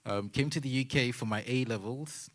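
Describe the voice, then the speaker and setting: A man's voice: mid-range voice, moderate pace, a bit bright. A man, a panelist telling his career story in a chatty way with self-mocking asides. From Nigeria. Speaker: panelist, technology consultant. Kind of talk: panel testimony at a church young adults session.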